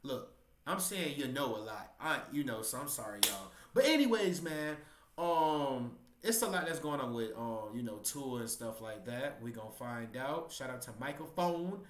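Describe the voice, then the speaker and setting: A man's voice: medium pitch, lively intonation, normal speed, a bit bright. Brief: male reaction-channel host, loose filler-heavy delivery, roomy echoey sound, faint room hum. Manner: rambling, filler-heavy, stumbling. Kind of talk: casual reaction vlog. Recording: roomy echo.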